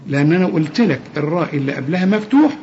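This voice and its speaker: A man with an Egyptian Arabic accent gives a tajweed lesson, reciting examples as he teaches the rules of Quran recitation. His voice is fairly high, animated, dark in tone and very fast; he corrects each sound, repeats it, and quizzes the listener. The lo-fi recording sounds dull, with long reverb and slight background noise.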